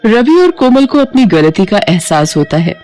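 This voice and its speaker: A woman's voice: mid-range voice, big pitch swings, moderate pace, darkish tone, soft background music. Woman narrating a cartoon ghost story.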